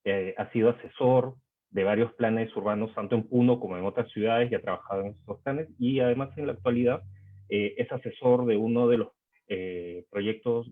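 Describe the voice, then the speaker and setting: Male moderator, low voice, measured and hesitant, introducing panelists over a tinny video call. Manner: measured, hesitant with frequent fillers. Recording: tinny phone-like online call audio.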